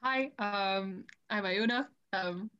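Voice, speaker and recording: A woman's voice: mid-range voice, takes it slowly, bright, forceful tone, smooth, highs cut off. A young woman of eighteen from Scotland, a committee chair explaining her topic articulately with frequent ums. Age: teens. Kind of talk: casual interview answers.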